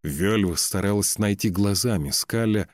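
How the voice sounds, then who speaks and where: A man reading a fantasy novel aloud as narrator, in a measured, dramatic way that stretches key words. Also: lowish voice, no room sound, clean studio sound. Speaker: audiobook narrator.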